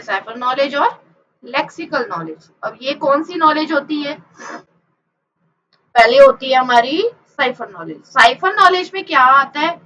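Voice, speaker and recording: A woman's voice: sits high, pushed and bright, dull audio. A woman teacher explaining a lesson from slides. She asks questions and answers them herself, and she mixes English terms into her explanation.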